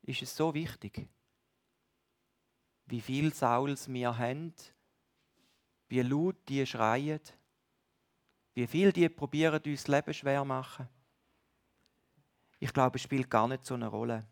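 A man preaching a sermon, speaking directly to his listeners and moving between loud stresses and hushed lines. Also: mid-range voice, slow pace, long pauses.

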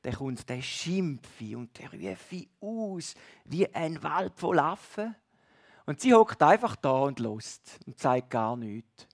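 A preacher gives a sermon in a somewhat high voice. He talks to his listeners in a conversational way, sometimes pushing a line out with force and then dropping to a near hush. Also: big pitch swings, takes it slowly, creaky. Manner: emphatic, swings between loud stresses and hushed lines; speaks directly to listeners, conversational.

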